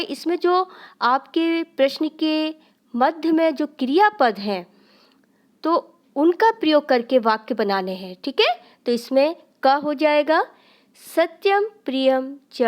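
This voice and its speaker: A woman teaching a recorded Sanskrit grammar lesson. Her voice sits a little high, and she talks slowly and deliberately. She explains each point step by step, asking questions and then answering them herself.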